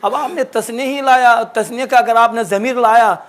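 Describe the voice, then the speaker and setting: High-voiced man teaching Quran recitation. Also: fairly even intonation, fairly bright tone. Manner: explanatory, repeats and corrects himself. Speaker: religious teacher. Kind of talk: lesson answering a question.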